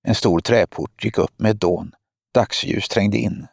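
Male audiobook narrator, steady and measured, gravelly voice, dry close recording. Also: fairly low pitch, no echo. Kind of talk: scripted narration.

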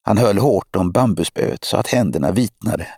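A man reading an audiobook in a measured, steady narration. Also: fairly low pitch, breathy edge, no room sound, clean studio sound. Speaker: audiobook reader. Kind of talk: scripted narration.

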